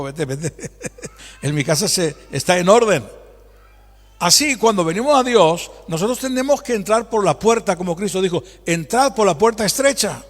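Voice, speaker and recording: A man's voice: high voice, in a large hall. A man preaching a sermon, emphatic and dramatic, acting out voices as he goes. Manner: emphatic, dramatic, acts out God's voice.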